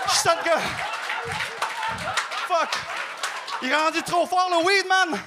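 A man's voice: extremely high pitch, steady tone, over a noisy crowd, heavy background noise, pitched above the performer's own voice. A man playing a brash Quebec-born local with a broad Québécois accent, slangy and boastful, in a stand-up bit. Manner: boastful, slangy, drawn-out "là" endings.

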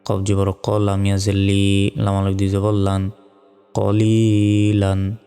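A man leads a Quran reading lesson, spelling the Arabic out syllable by syllable at a very slow, deliberate pace. His voice is low, flat and smooth. Long reverb hangs on every word, with faint music underneath. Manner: slow, deliberate spelling drill with drawn-out chanted recitation. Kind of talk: spelling out Quranic Arabic letter by letter, then slow melodic recitation.

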